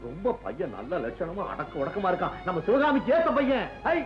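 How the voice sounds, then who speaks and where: A man's voice: high voice, wildly swooping pitch, brisk, over music, low-quality recording. An actor playing a brash young village man who fiercely protects his sister, defiant and mocking in a 1960s film. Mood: earnest.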